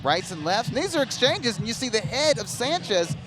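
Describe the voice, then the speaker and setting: A man's voice: very high voice, sing-song, brisk, over music, poor audio. A man giving live boxing analysis as a commentator.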